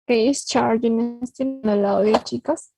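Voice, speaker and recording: A woman teaching an English class over a video call, her voice breaking up on a bad internet connection, giving slow, coaxing prompts. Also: on the high side, steady tone, creaky, music in the background, rough recording. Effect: choppy audio from a bad internet connection. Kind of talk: online class instruction.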